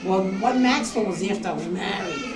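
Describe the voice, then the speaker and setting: A woman's voice: medium pitch, fairly quick. An older grandmother in a family home-video interview, talking in an earnest, sentimental, rambling way, heard on an old VHS tape. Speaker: grandmother interviewed by her son. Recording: echoey, distant camcorder mic with music behind.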